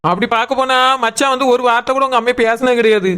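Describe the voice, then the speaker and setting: A high, bright, smooth voice rattles along fast as a sly cartoon aunt, put on by a man. She wheedles and meddles and always has an excuse ready. The delivery is quick and crisp. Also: fairly even intonation. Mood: wheedling. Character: sly meddling woman, gossipy sister-in-law. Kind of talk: cartoon voice acting.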